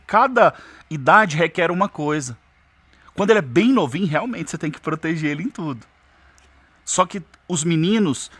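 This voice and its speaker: Forceful Brazilian man giving advice. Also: a little high, no echo. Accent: Brazilian Portuguese. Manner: forceful, direct, addresses parents head-on. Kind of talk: emphatic advice talk.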